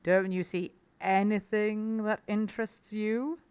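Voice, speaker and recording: A woman voicing a confident, commanding father fox in a storybook, speaking with deliberate emphasis. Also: mid-range voice, fairly even intonation, a little mellow, smooth, voice pushed up, natural voice. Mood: assured.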